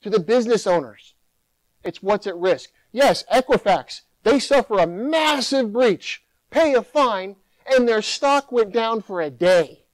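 Man, middle-aged, keynote Q&A, animated, high voice, dry podium mic. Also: unhurried, dry recording, poor audio. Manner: animated, mimics users in mocking voice. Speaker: keynote speaker. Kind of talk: conference Q&A answers. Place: conference hall at a podium. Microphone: podium microphone.

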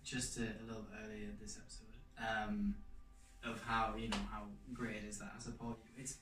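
Halting male host, echoey room. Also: on the low side, level tone, far from the mic. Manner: halting, full of fillers and restarts. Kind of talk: casual interview chat. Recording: roomy echo, off-mic, faint music behind.

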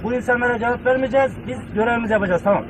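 A man's voice: extremely high pitch, rapid-fire. A man, a police commander, giving firm orders over a two-way police radio. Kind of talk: radio dispatch address. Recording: distant radio voice under heavy noise.

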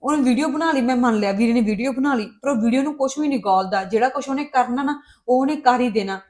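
A woman's voice: a little high, fast, a little mellow, lightly acted. A woman playing a wronged young daughter in a family drama, talking insistently and indignantly to her mother. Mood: worried. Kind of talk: Punjabi family drama dialogue.

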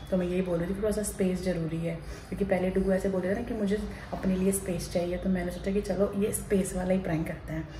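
A woman's voice: lowish voice, warm tone. A young woman vlogger talking casually and pleading insistently into a phone camera. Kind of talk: casual chat. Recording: echoey room with faint noise.

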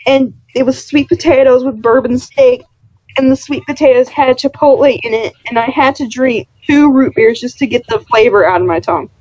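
A young woman with a fairly high, husky voice chats casually as a podcast guest, tossing out deadpan absurd jokes and giggling. The sound is dull and lo-fi. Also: moderate pace, dry recording. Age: young adult. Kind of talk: casual chat.

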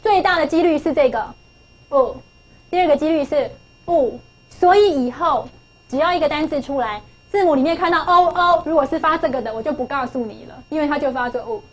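In poor audio, a high-voiced, middle-aged woman teaches phonics as an English teacher, speaking fast. She keeps putting questions to her pupils and hammers home the key points by repeating them.

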